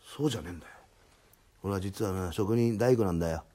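Man doing a deadpan broke tenant. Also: fast talker. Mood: confiding. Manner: low, unbothered, deadpan. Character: lazy deadpan male tenant, broke carpenter. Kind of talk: comic storytelling.

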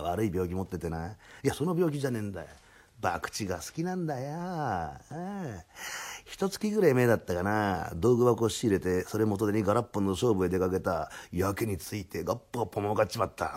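Man doing a deadpan broke tenant. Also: brisk. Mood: confiding. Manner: low, unbothered, deadpan. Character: lazy deadpan male tenant, broke carpenter. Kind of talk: comic storytelling.

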